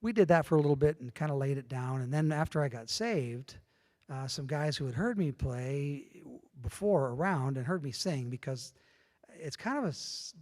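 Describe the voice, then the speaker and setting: A middle-aged man with a mid-range voice, talking at normal speed, tells stories casually as an interview guest. He's a lively storyteller who acts out snippets of dialogue, and the recording carries a long room reverb.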